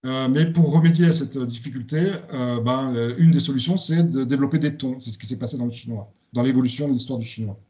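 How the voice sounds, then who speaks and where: A man's voice: medium pitch, fast talker, hardly any pauses, dark tone, lo-fi sound. Hesitant French-speaking man giving a lecture. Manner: hesitant, many "euh" fillers and restarts. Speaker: student giving a presentation. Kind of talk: spoken lecture presentation.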